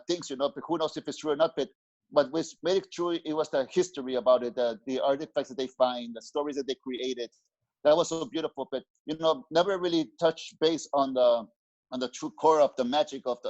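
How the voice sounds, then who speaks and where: A middle-aged spiritual teacher from Mexico speaks earnestly as an interview guest, reflecting aloud and often restarting his words. He uses a headset on a video call from a small home room, and the audio is dull and lo-fi. His voice is mid-range with a darkish tone.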